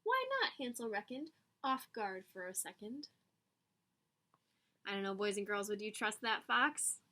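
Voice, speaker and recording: Speaking at medium pitch, a little slowly and with a sharp tone, a woman reads a picture book aloud to children. Her delivery is expressive and dramatic, with asides directed at the kids like a teacher's.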